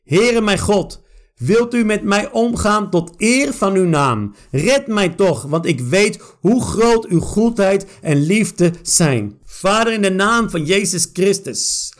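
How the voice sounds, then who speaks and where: A man with a high-pitched voice leads a fervent prayer as a pastor. He repeats his declarations insistently, verse by verse. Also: expressive, takes it slowly. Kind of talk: fervent spoken prayer with scripture reading.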